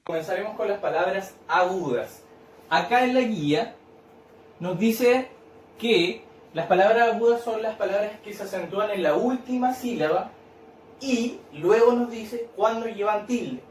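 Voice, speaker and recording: A man's voice: sits high, unhurried, distant mic, slight background noise. A male teacher explaining a worksheet in a patient, repetitive way, checking in with tag questions. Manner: patient, repeats and claps out syllables, tag questions. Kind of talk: recorded lesson explaining a worksheet. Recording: echoey room, off-mic.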